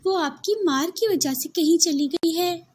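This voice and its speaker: A woman's voice: extremely high pitch, unhurried, a little mellow, slight background noise, voice pushed up. A woman voicing a kind, sensible young bride who speaks earnestly and protectively. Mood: upset.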